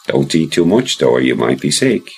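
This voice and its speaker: A man voicing a kind, patient mother who speaks in a gentle way. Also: rumbling low, sing-song, moderate pace, creaky, husky, exaggerated voice.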